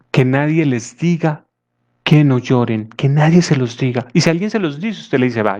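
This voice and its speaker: Male psychologist, mid pitch, lively talk with acted asides, dull recording. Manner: animated, acts out little dialogues. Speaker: psychologist giving a talk on grief. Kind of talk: conversational talk to an audience. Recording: dull lo-fi audio.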